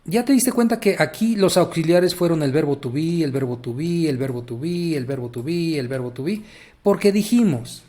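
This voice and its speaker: Mexican male teacher, slightly high voice, patient and repetitive grammar explainer. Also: animated, normal speed, warm tone. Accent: Mexican Spanish. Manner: patient, repetitive, addresses the listener directly. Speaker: English teacher.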